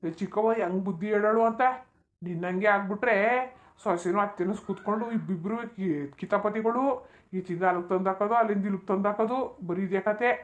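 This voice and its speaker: A woman's voice: medium pitch, fairly even intonation, a little fast, lo-fi sound, close to an everyday voice. A woman voicing a grumbling old village grandfather who drinks, in a cartoon, bickering defensively. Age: older.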